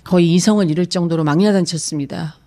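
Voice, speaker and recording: A woman's voice: lowish voice, fast, dark tone. Woman, late fifties, counselor, earnest storyteller, plays out what others said. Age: 50s. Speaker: psychological counselor. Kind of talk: case story monologue.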